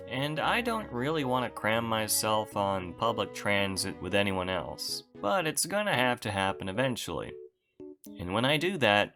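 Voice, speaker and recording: Low-voiced young man, wry vlogger. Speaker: YouTuber giving a channel update. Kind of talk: casual solo update, talking to viewers.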